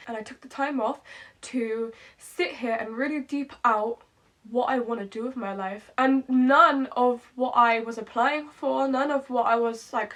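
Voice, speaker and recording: Early-20s woman, reflective vlogger, candid and rambling, slightly high voice. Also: a bit bright. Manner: candid, rambling, repeats herself, frequent "like". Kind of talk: late-night reflective vlog.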